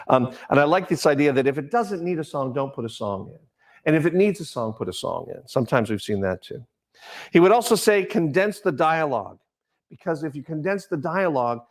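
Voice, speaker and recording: A middle-aged man giving an informal lecture on the stage arts, rambling like a professor, with digressions, halting restarts and personal anecdotes. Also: mid-range voice. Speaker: lecturer on musical theater.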